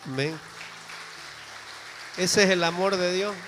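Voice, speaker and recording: Fervent high-voiced Bolivian pastor preaching. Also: male voice, slow, a crowd in the background. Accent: Bolivian Spanish. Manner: fervent preaching, exhorting the congregation. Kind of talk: sermon. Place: church hall. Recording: reverberant church hall with music.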